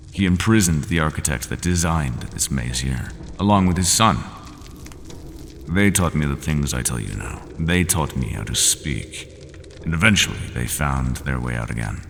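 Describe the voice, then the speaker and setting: A man voicing the Minotaur, a lonely, brooding bull-headed prisoner, in an ASMR roleplay, telling his story slowly and bitterly. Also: extremely low pitch, gravelly, a bit bright, heavily acted. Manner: slow, solemn and bitter storytelling. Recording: long reverb with faint ambient noise.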